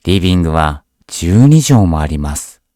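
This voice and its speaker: A man reading a scripted horror story aloud as a narrator, in a measured, deliberate storytelling delivery. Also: low-pitched, sing-song, dark tone, no echo, clean studio sound.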